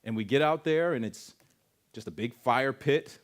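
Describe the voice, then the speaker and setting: A man tells a personal story to a camp audience. He speaks at an ordinary pitch for a man and narrates in a lively way, acting out voices and making sound effects as he goes. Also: normal speed. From Canada. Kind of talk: storytelling testimony talk.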